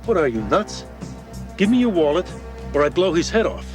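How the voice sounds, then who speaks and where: An actor playing an impatient armed mugger who demands wallets in a gruff, pushy way. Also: male voice, high-pitched, big pitch swings, moderate pace. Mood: threatening. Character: armed male street mugger, threatening and impatient. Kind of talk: 1980s TV drama acting. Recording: TV soundtrack with music underneath.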